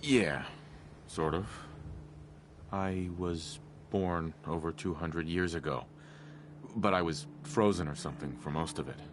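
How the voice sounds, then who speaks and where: A man voicing a father searching for his kidnapped son in video game dialogue, speaking calmly and directly. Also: deep voice, a little slow, noisy background. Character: man who woke after long freeze, searching for his son.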